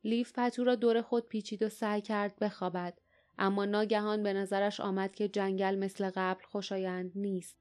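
A woman reading an audiobook aloud, calm and even, with a mid-range voice. Her storytelling is steady and measured. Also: mid-range voice, clear, resonant tone, faint music behind. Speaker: audiobook narrator. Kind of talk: scripted narration.

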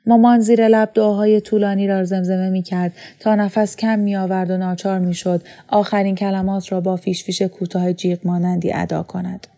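Woman narrator, calm measured novel reading, mellow warm tone. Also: medium pitch. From Iran. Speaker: audiobook reader.

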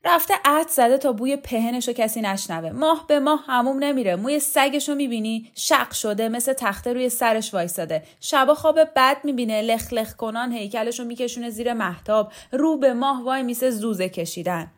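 A woman reader voicing a coarse, domineering woman revolutionary leader who talks loudly and with contempt in an audiobook. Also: medium pitch, lively intonation, close to an everyday voice. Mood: contemptuous. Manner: loud, insulting, contemptuous. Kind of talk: audiobook character voice.

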